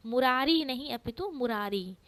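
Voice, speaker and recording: A woman teaching an exam-prep spelling lesson, asking each question and repeating the answer slowly. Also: high voice, expressive, low-quality recording.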